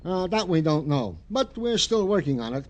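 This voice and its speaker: An actor with an American accent playing an eager, bumbling police sergeant sidekick in a 1950s radio drama, fussy, wordy and stammering. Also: male voice, fairly high pitch, big pitch swings, normal speed, soft background music. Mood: self-important reporting. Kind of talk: 1950s radio comic-relief acting.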